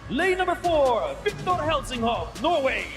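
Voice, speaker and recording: A man announcing athletes at a live sports event in a booming, pumped delivery with drawn-out name calls. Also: very animated. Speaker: arena announcer introducing athletes. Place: large competition venue over PA. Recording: echoey arena PA, music behind.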